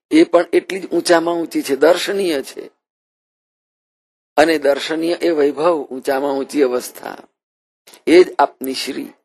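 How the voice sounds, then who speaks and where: A man preaching a devotional sermon in an earnest, reverent way, slowing down to recite verses. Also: medium pitch, vocal fry, darkish tone, breathy edge. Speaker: spiritual preacher.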